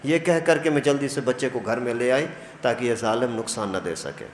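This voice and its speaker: A man preaching a storytelling sermon who acts out the dialogue as he goes. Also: mid-range voice. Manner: animated, acts out quoted dialogue. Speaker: preacher, mufti. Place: mosque hall. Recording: echoey mosque hall, faint noise.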